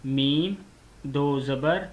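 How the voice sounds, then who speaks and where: A man's voice: a little high, very slow. A man teaching a children's reading lesson, drilling syllables one by one and drawing out each sound patiently. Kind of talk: slow spelled-out reading lesson. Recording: dull lo-fi recording.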